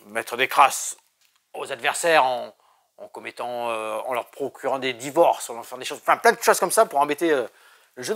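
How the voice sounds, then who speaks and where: A man's voice: mid-range voice, a bit bright. A man presenting board games in a shop, chatty and jokey, with many fillers. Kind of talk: casual game presentation.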